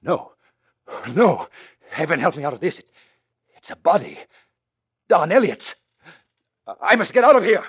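A man's voice: extremely low pitch, animated, a little slow, long pauses, husky, dry recording, clean studio sound, full character voice. An actor playing a furtive, anxious man talking theatrically to himself in 1940s radio style. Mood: horrified, panicked. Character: furtive, anxious man sneaking through his childhood home. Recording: noisy vintage 1940s radio recording.

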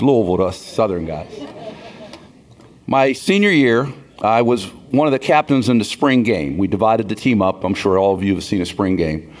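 A man in his sixties from Beaver Falls, Pennsylvania, emcees a banquet, telling stories in a folksy style that builds toward a punchline. His voice is medium-pitched and a little mellow.

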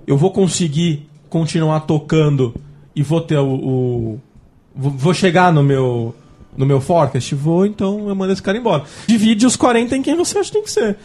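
A man's voice: a little high, moderate pace, dark tone. A man with a Brazilian Portuguese accent in a casual podcast discussion, explaining in slangy, emphatic style and acting out dialogue.

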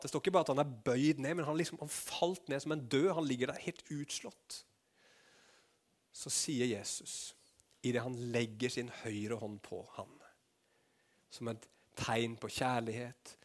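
A man preaching a sermon to a congregation, animated, swinging between loud bursts and hushed low passages and asking rhetorical questions.

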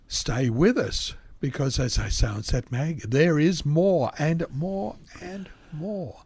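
Brief: slightly croaky male radio host, lively fairly high voice, dry studio sound. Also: slow pace, no room sound. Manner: lively, chatty, rambling introductions. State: a little croaky. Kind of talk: community radio talk show.

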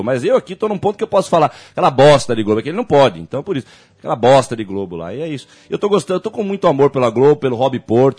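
A podcast co-host with a mid-range, slightly mellow voice and a breathy edge launches into a loose, rambling rant. His casual talk is profane and full of jokes.

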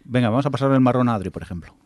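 A man's voice: mid-range voice, very fast, a little mellow, dry recording. A man from hosting a casual podcast chat, thoughtful and hesitant with fillers. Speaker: podcast host.

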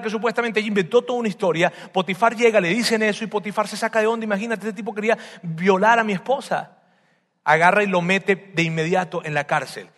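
A male preacher, retelling a Bible story in an animated sermon full of rhetorical questions and humor. His voice sits high. The sound carries a long echo, like a large hall.

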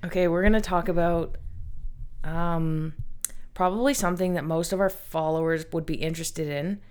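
A woman's voice: lowish voice, fairly even intonation, normal speed, darkish tone, clean tone. A woman co-hosting a podcast in casual conversation, talking through a workout and then interviewing her co-host. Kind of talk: casual chat.

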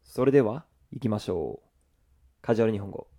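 A man hosting a language lesson, giving a scripted introduction with slow, careful enunciation for learners. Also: fairly low pitch, lively intonation, dark tone. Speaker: host of a Japanese learning show.

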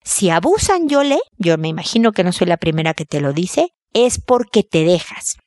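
A woman's voice: on the low side, sing-song, normal speed, a little mellow, no echo. A middle-aged woman, hosting an advice show and acting out little dialogues as she counsels a listener. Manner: chatty, acts out dialogues.

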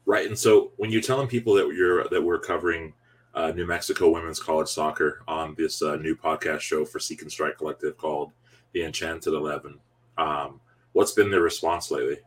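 Low-voiced man hosting a sports podcast. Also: fairly even intonation, fairly quick, husky. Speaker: podcast host. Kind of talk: conversational sports show hosting.

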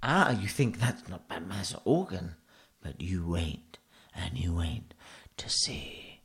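A man's voice: low voice, big pitch swings, over music, voice pushed down, exaggerated voice. A man voicing a creepy, whispery vampire-like teller, as a whispered role-play. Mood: eerie. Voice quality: hushed, breathy, drawn-out. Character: creepy low-voiced male vampire teller, spooky.

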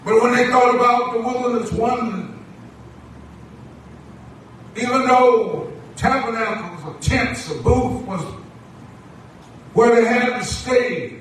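A pastor preaching a sermon, stretching his phrases in a drawn-out cadence that swells on key words. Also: extremely high pitch, a bit bright, a little hiss or hum. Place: church sanctuary. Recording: very echoey church recorded from a distance.

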